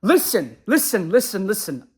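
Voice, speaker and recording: Woman, mid pitch, Khmer and English bilingual, impassioned vlog monologue, emphatic, preachy, repetitive. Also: very animated, normal speed, a little mellow, breathy edge. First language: Khmer alongside English.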